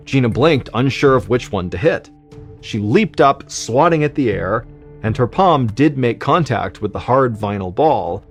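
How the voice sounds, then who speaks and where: A man telling a true medical mystery in scripted narration, measured and suspenseful, dropping quieter at the tense moments. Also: mid-range voice. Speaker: storyteller.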